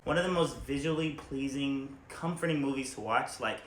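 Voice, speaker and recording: A young man doing a comedic movie ranking, animated and jumping into loud, high shouted bits. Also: moderate pace, roomy sound, a little hiss or hum. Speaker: movie reviewer.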